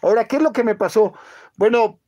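A man, hosting a casual live-stream chat and telling a halting story full of fillers. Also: high-pitched, a little mellow. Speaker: channel host.

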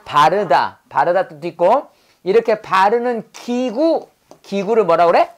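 His voice sits high with lively intonation and an unhurried pace as this middle-aged pastor teaches English vocabulary. The class repeats words after him while he asks quiz questions and corrects pronunciation in call-and-response drills.

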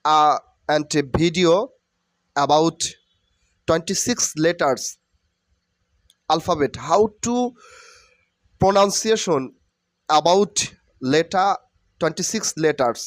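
Slow earnest man teaching letters. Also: a little high, no echo. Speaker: English pronunciation teacher. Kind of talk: spoken lesson mixing Bengali and English.

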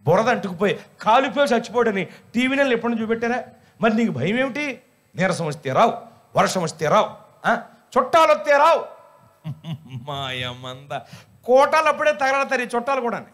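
A man, a pastor, preaching a sermon in an animated, humorous way and scolding his listeners with rhetorical questions. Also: high voice, fairly quick.

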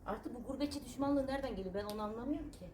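A Turkish woman in her thirties talking casually while she works in her home garden, sharp-tongued and indignant, then chatty. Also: a little high, racing, a little hiss or hum. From Turkey. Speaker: vlogger.

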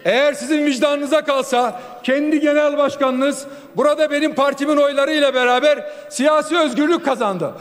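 A man speaking at a rostrum microphone in a parliament chamber, giving a forceful, raised political speech. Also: very high voice, steady tone, normal speed, few pauses. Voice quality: forceful, raised, declamatory delivery. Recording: long reverb of a large chamber.

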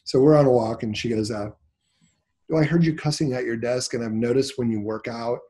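Husky-voiced man telling a story. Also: medium pitch, fairly quick. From Nebraska, USA. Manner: animated storyteller, acts out quoted dialogue. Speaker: business owner, interview guest. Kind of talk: casual storytelling interview.

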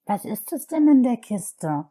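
An excited little girl from a storybook, as a woman narrator puts her on. The voice jumps up high and loud with wonder, with a husky grain. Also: unhurried, full character voice. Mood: eager.

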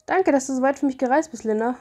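A woman voicing an excited young bride who greets her old friend, reading the lines aloud with a raised, gushing delivery. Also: sits high, fast talker, faint music behind.

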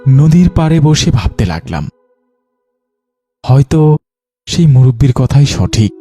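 Brief: male storyteller for a first-person ghost story, dark mellow tone, faint music underneath. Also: mid-range voice. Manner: earnest, dramatic storytelling. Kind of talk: dramatized ghost story narration.

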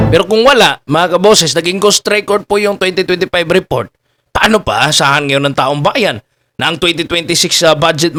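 A man's voice: on the high side, sharp tone. Filipino man with a raised voice over music. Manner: repeatedly addresses listeners as "mga kaboses", filler-heavy, rhetorical "Ha?". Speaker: political commentary vlogger. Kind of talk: casual political commentary to viewers. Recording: talk with music playing behind.

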